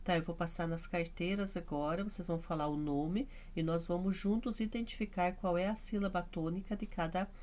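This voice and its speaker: A woman teacher with a Brazilian Portuguese accent walks a class through a lesson step by step, patient and unhurried, leaning on little fillers as she goes. Her voice sits a touch low, and a faint hum of ambient noise runs under the recording. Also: darkish tone.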